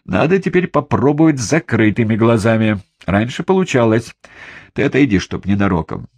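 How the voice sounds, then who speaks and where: A man reading an audiobook, voicing a burly male thug who taunts his captive in a slow, gruff drawl. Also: medium pitch, sing-song, a little mellow, no room sound, pitched above the performer's own voice. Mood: mocking. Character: menacing burly male knife-throwing thug, mocking.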